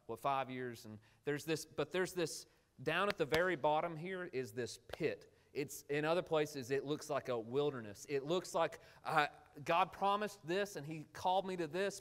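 A man's voice: mid-range voice, a bit bright. A man preaching a midweek sermon in a conversational way, asking the congregation questions and acting out the characters he quotes. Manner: acts out quoted characters in brief voices. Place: church.

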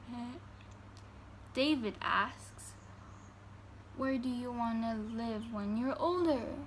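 Filmed on a phone camera at arm's length in her bedroom, this teenage vlogger from Germany chats through fan questions. Her talk is full of fillers, and she reads each question out slowly. Her voice is on the high side, with a little hiss or hum on the recording.

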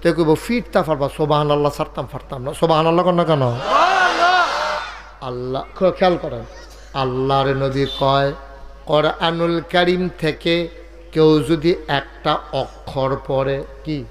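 A man with a fairly high voice preaches in an over a loudspeaker at a large open-air gathering. He jokes with the crowd, scolds the sound man, and draws key lines out into a slow chant. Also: fairly even intonation, noisy background. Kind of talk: village sermon with crowd call-and-response. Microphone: handheld mic through PA.

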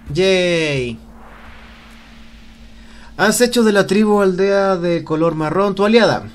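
A man commenting excitedly on a video game as he plays, often whooping and cheering, and reading the on-screen game text aloud. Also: on the high side, slight background noise. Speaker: let's play gamer.

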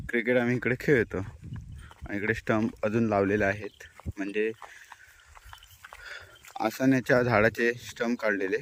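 A man from Konkan, India, giving a relaxed, chatty walking-tour narration to his viewers outdoors in a hilly forest pasture. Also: on the low side, slight background noise. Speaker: village vlogger.

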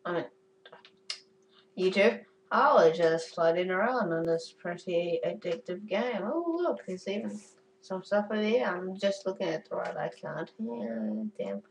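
A woman's voice: on the low side, animated, normal speed, recorded from a distance, a little hiss or hum, rough recording. A woman giving chatty, goofy commentary while playing a game, cursing and giggling at her own jokes. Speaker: gamer. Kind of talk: casual gameplay commentary.

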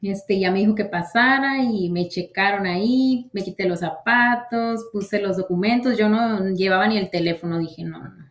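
A woman's voice: medium pitch, normal speed. A woman casually retelling events, with lots of quoted dialogue. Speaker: interviewee sharing her citizenship interview. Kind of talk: casual storytelling in an interview. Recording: echoey room.

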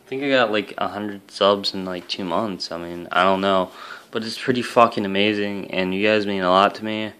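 This is a young man with a fairly low voice, talking straight to camera for his own gaming channel. He rambles in a loose, casual way, full of fillers and swearing, with an earnest, emotional tone as he thanks his viewers. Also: fairly even intonation, normal speed, sharp tone, clear, resonant tone. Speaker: YouTube gaming channel host.

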